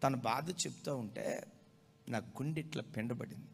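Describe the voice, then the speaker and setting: A male pastor telling a story in a sermon, swinging from hushed tones to loud, emotional passages. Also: medium pitch, moderate pace, gravelly, slightly rough, long reverb tail.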